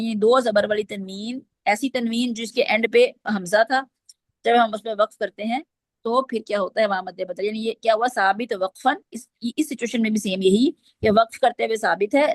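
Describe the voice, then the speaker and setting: During an online class, a woman teaches the rules of Quranic recitation, explaining step by step and quizzing her students. Her voice is medium-pitched, with no room sound in the recording.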